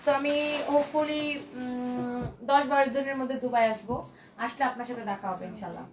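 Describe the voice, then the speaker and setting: A woman's voice: on the high side, steady tone, brisk. A woman with a Bangladeshi Bengali accent selling clothes on a live stream, repeating herself in a coaxing way and dropping in English phrases. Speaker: online clothing seller. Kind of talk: live-stream sales pitch. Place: clothing shop.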